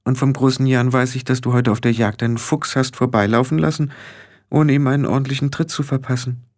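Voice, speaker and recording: Ein Mann spricht eine kleine, besorgte Clanchefin mit schriller, schimpfender Stimme. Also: male voice, steady tone, brisk, a little mellow, close to an everyday voice. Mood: coaxing. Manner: shrill, worried and scolding. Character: anxious, fussy little fairy-clan matriarch woman.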